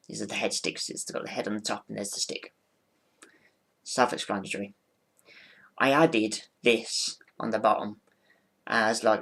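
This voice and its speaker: Fairly low and gravelly yet fairly bright, this ventriloquist's voice carries a loose, hands-on explanation of his figure. He rambles matter-of-factly and keeps circling back to repeat himself.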